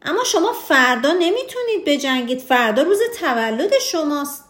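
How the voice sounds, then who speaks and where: A woman's voice: high-pitched, big pitch swings, fairly bright tone, pitched above the performer's own voice. A woman doing an eager storybook minister. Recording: roomy echo.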